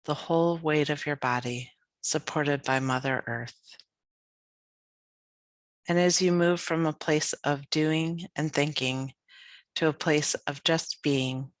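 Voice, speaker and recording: A woman teaches a guided yoga nidra meditation, her low voice gentle and soothing as she moves through unhurried phrases and long pauses. There's no room sound at all.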